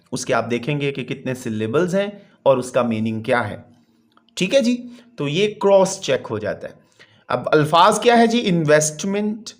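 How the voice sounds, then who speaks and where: A man teaching a textbook exercise at an unhurried, deliberate pace. His voice sits a little high for a man, and he reads English sentences slowly before rendering them in formal wording. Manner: reads English lines slowly, then translates them with formal Urdu vocabulary. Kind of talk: textbook lesson explanation.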